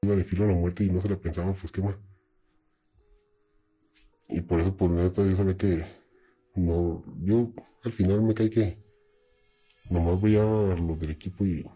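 Husky deep Mexican man, slangy storytelling. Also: normal speed, long pauses, soft background music. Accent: Mexican Spanish. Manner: streetwise, swears often, relaxed. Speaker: interviewee.

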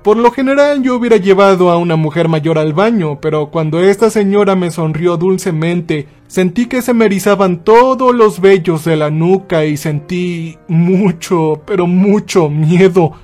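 A man with a high voice narrates a scripted horror story over faint music. He slows down for dramatic pauses. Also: darkish tone.

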